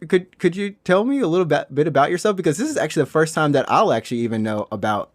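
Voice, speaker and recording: A man's voice: animated, rapid-fire, dry recording, clean studio sound. Playful young man hosting a podcast. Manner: playful, laughs often, jumps to high silly voices. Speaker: podcast host. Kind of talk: casual podcast chat.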